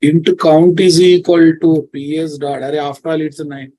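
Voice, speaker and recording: A man's voice: a little high, steady tone, moderate pace, dark tone, no echo. A man with a Telugu Indian accent teaching a live coding lesson, repeating his phrases and often checking in with his students. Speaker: programming teacher.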